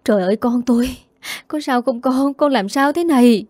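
A woman's voice: a little high, expressive, normal speed, warm tone, dry recording, studio quality. A woman voicing a tender, loving foster mother who soothes her child, in a storybook reading. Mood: alarmed.

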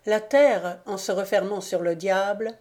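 Slow, measured woman audiobook reader. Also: mid-range voice, fairly even intonation, a little mellow. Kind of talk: audiobook narration.

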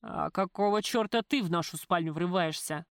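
A woman's voice: fairly low pitch, normal speed, no echo, lightly acted. Brief: woman narrator doing a spoiled young husband, sullen and defiant, grumbling back at his father; dry close read. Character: sulky young man, a spoiled newlywed son.

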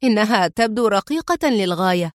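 A woman's voice: medium pitch, lively intonation, fairly quick, dry recording, studio quality, lightly acted. A woman voicing an anxious young female agent who sounds doubtful and agitated, in a storybook reading.

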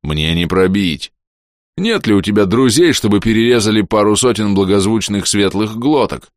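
A man voicing a huge, proud skeleton god of death who commands slowly and loudly. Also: fairly low pitch, expressive, no echo, clean studio sound, close to an everyday voice. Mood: commanding. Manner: slow, loud, commanding.

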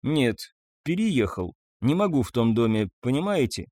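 A man's voice: mid-range voice, sing-song, moderate pace, no echo, clean studio sound. Man as a shy earnest young man. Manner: hesitant, quietly earnest.

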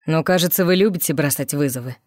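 A woman voicing a slow, teasing mysterious man. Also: low-pitched, a little mellow, dry recording, clean studio sound, natural voice. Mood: smooth, teasing. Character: mysterious confident flirtatious man.

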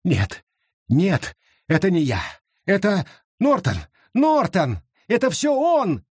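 A man's voice: high voice, wildly swooping pitch, extremely slow, darkish tone, slightly rough, no echo, studio quality, pitched above the performer's own voice, heavily acted. A man reading an audiobook and voicing a terrified man who begs and cries out in panic. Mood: panicked. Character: terrified young man, begging and sobbing.

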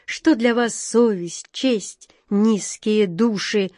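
A woman's voice: medium pitch, takes it slowly, warm tone, no room sound, clean studio sound, lightly acted. A woman voicing a brave, stern old male sea captain in a storybook reading, declaiming ardently. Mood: scornful.

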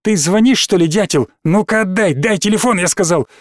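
A man reading a story aloud, voicing a rough blond teenage bully who talks in curt, bossy bursts. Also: high-pitched, fairly quick, dry recording, clean studio sound, voice pushed up, lightly acted. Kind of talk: audiobook character voice.

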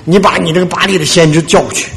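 Bold defiant male prophet, challenging tone, preacher acting him out, slightly high voice. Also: steady tone, fast talker, gravelly, a bit bright.

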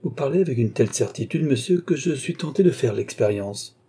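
Man reading skeptical male chief surgeon, wary, hesitant, mellow husky voice, audiobook. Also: mid-range voice, expressive, brisk. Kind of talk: audiobook character voice.

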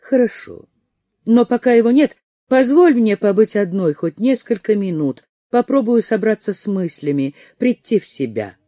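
A woman voicing a bewildered young lady who asks careful, measured questions. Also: medium pitch, very animated, warm tone, dry recording, clean studio sound, voice pushed up, close to an everyday voice. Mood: weary.

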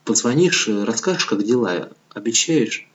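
A male audiobook narrator reading the lines of a quiet, anxious teenage girl, hesitant and hushed, on a dull lo-fi recording. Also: medium pitch, lively intonation, moderate pace, lightly acted. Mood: pleading.

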